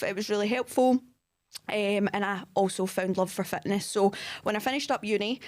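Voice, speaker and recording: A woman's voice: medium pitch, a little mellow. Chatty young woman. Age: 20s. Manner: chatty storytelling with frequent ums. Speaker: podcast co-host, fitness coach. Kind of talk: casual chat.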